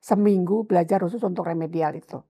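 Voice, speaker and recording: A woman's voice: on the low side, fast, husky, muffled recording. A woman pastor, telling her life story in an interview and acting out the words of people in it. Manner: animated storytelling, acts out her mother's and her own past words.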